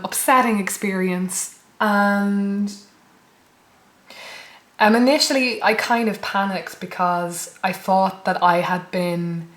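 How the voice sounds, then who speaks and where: Hoarse young woman, roomy sound. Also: lowish voice. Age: young adult. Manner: reflective, hesitant, self-correcting. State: hoarse from losing her voice. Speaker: student vlogger. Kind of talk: casual rambling vlog chat. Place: indoors in a flat.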